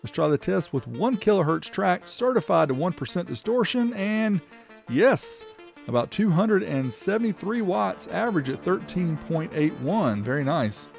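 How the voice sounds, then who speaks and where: Hosting a car audio amplifier test video, a man walks through each step and reads out results as he demonstrates. His voice is high-pitched and very animated, with vocal fry and a darkish tone, at a moderate pace over soft background music.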